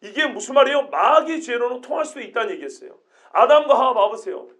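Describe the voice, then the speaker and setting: A male pastor preaching an expository sermon, animated, throwing rhetorical questions at the congregation. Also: extremely high pitch, fast.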